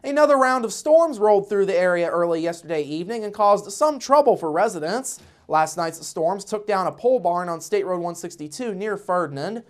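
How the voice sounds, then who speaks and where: A woman's voice: on the low side, a little mellow. A woman with an American accent reading scripted local news in a formal news anchor delivery.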